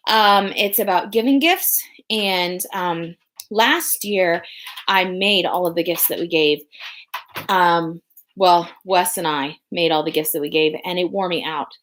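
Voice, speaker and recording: A young adult woman hosting a podcast in casual chat, rambling with many pauses and restarts. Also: lowish voice, a bit bright, slight background noise. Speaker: podcast host.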